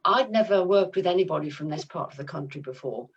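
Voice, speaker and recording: A woman's voice: deep voice, lively intonation, fast, recorded from a distance, dull audio, a little hiss or hum. A woman on a panel speaking reflectively about a joint project, hesitating with fillers over a video call. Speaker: museum panelist.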